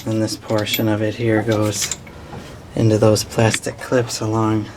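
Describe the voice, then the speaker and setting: A man's voice: on the low side, monotone, measured pace, noisy background. A man giving a plain, hands-on walkthrough of a repair, explaining as he works on an engine. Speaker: DIY mechanic. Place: working in a vehicle's engine bay.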